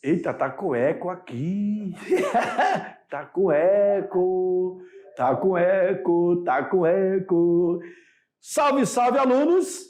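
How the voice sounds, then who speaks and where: A man's voice: high-pitched, expressive, drawn-out words, darkish tone. A Brazilian man teaching a history class, greeting students playfully while his voice rings with a heavy echo. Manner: playful, joking. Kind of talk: lively class lesson. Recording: echoey room sound.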